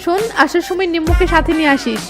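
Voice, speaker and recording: A woman's voice: very high voice, fast, music in the background. A woman voicing a bossy mother who scolds her son firmly. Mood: scolding.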